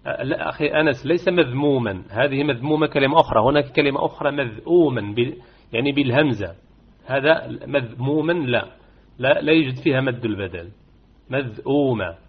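Husky man teaching recitation. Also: medium pitch, animated, narrow, tinny audio. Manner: repeats key words and stretches them slowly to demonstrate. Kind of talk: online tajweed lesson.

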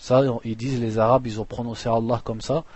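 A man teaching a religious lesson, reading passages fast and then explaining them plainly with restarts. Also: medium pitch, little pitch movement, background noise. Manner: reads Arabic passages quickly, then explains slowly with restarts; clears throat now and then.

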